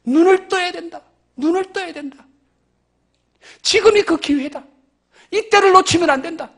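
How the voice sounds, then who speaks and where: A man preaching while voicing a desperate blind man crying out for mercy in drawn-out, pleading calls. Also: very high-pitched, very animated, sharp tone, exaggerated voice. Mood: urgent.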